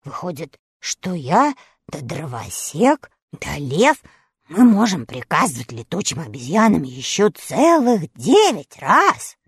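A woman voicing a slow, simple-minded and sheepish straw man who talks hesitantly, low and soft. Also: huge pitch swings, slightly rough, dry recording, studio quality, full character voice. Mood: puzzled.

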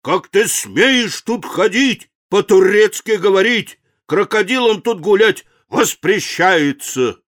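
A man's voice: sits high, lively intonation, slow pace, few pauses, a bit bright, exaggerated voice. A man doing a stern, officious policeman. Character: stern old-time town policeman, officious.

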